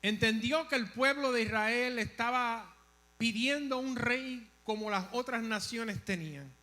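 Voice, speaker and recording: Male co-pastor, high and bright voice, preaching in short bursts for live interpretation. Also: a little slow. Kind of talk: sermon.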